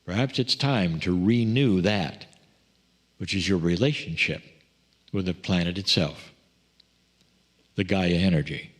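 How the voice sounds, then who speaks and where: A man speaking as a loving spirit entity in a channeled message, in a slow, tender, solemn way. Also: sits low.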